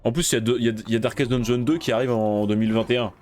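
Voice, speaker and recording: Over soft background music, a man with a medium-pitched, fairly even voice talks rapid-fire through his own game run. He's a gaming video creator doing casual let's-play commentary, cursing loudly when things go badly and muttering as he works out a plan.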